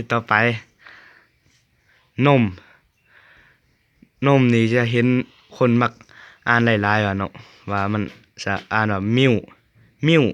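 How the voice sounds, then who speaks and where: A young man with a Lao accent giving a casual video lesson on English pronunciation, repeating each word slowly to show how it is said. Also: fairly low pitch, a bit bright, smooth, no echo. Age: young adult.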